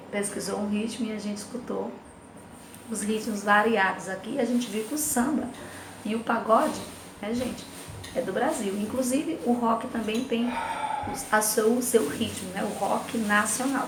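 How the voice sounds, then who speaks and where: Brazilian woman teacher, fairly high voice, echoey room, background noise. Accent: Brazilian Portuguese. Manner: sings nursery rhymes between explanations, checks in with "né, gente?". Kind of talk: recorded remote class lesson.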